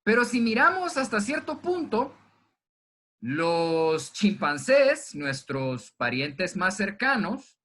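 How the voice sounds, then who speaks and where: A man teaching a zoology class by video from home, talking to his students in a relaxed, conversational way and answering his own questions. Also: sits high. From Honduras. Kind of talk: recorded online class lecture. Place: indoors at home during heavy rain. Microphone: computer microphone.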